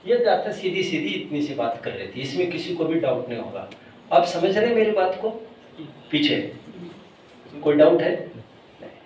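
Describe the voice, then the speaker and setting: A man's voice: a little high, very animated, darkish tone, recorded from a distance, slight background noise. Man preaching in an echoey hall. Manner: explains slowly, asks audience for doubts, mixes in English words. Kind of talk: Jain scripture discourse. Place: large hall at a pilgrimage site.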